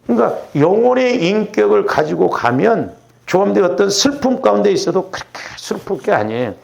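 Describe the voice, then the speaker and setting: A middle-aged pastor from the Jeolla region preaches at a Wednesday prayer service in a church sanctuary, chatty and conversational, repeatedly asking the congregation "응?", meaning "right?". His voice sits high with big pitch swings, fairly quick delivery, vocal fry and a slightly mellow tone.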